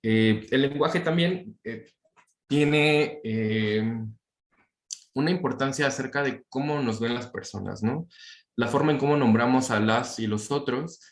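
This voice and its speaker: A man's voice: medium pitch, measured pace. A young man lectures a class in an informal, talkative way, often stopping on fillers and tag questions. His voice sits in a middle register. The sound carries noticeable room echo. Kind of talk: university talk on inclusive language.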